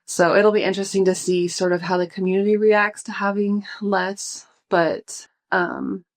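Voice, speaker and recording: Medium in pitch and moderate in pace, this young woman's voice carries a slight breathlessness. A food blogger, she responds to interview questions in a relaxed, thoughtful, casual way, peppered with fillers.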